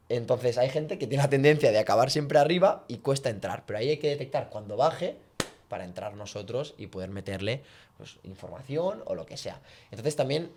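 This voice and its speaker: Male coach, podcast guest, animated and expressive. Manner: animated, acts out quoted speech with big pitch jumps. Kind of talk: podcast conversation, teaching.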